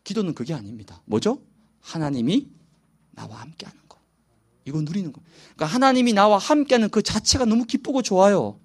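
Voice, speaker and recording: A middle-aged male pastor leading a church new-member training session, asking the audience questions and answering them himself. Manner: lively, animated rises and drops in pitch.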